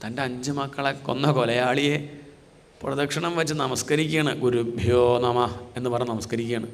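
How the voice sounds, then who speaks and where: A man giving a devotional scripture discourse, chanting verses slowly and asking rhetorical questions. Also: medium pitch, fairly even intonation. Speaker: religious discourse speaker. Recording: long hall reverb.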